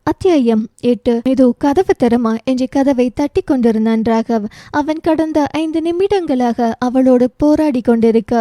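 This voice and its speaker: A woman narrating a romantic audio novel in steady, scripted storytelling on a close mic. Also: high-pitched, moderate pace, no echo.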